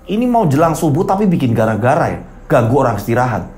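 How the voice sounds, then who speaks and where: A man's voice: medium pitch, very animated, fast talker, a little mellow, lightly acted. A man voicing an indignant middle-aged village haji who answers back sharply and defensively.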